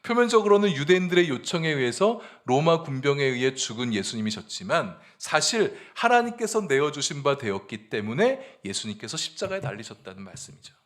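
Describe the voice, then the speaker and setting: Male pastor, earnest sermon, lively swooping pitch, middle-aged. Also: brisk, few pauses. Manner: earnest preaching, acts out quoted voices with rising emphasis.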